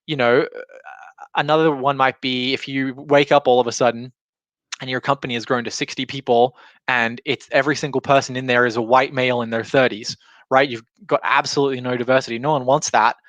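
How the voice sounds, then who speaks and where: A man with a medium-pitched, steady voice gives an informal explanatory talk as a business trainer, speaking a little fast. He's conversational and illustrates points with imagined quotes. His tone is a bit bright, the recording is dry, and an alarm goes off in the background.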